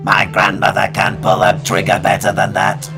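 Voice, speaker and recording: A man putting on a deep sarcastic alien leader. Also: completely flat delivery, moderate pace, music in the background. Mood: mocking. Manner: mocking, taunting.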